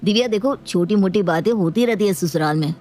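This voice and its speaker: A woman voicing a young husband who tries to calm his wife and mother, reasoning with them. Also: medium pitch, a little fast, faint music behind, close to an everyday voice. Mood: placating. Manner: placating, reasoning.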